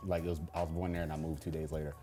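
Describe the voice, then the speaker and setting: This young film and music video director from Baltimore, Maryland, fields questions casually, his relaxed answers filled with pauses and fillers. His pitch is extremely low.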